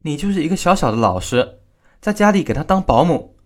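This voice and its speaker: A proud general's daughter speaks with cold scorn in a told story, voiced by a man. Her lines rise and fall in a lively way at an ordinary pitch. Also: brisk. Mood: scornful. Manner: cold, taunting delivery. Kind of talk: storytelling narration.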